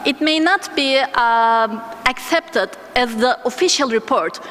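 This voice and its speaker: A woman giving a conference lecture as a physician, her voice thick and strained from a sore throat, speaking hesitantly with deliberate pauses. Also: a little high, a bit bright. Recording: echoey hall with noticeable background noise.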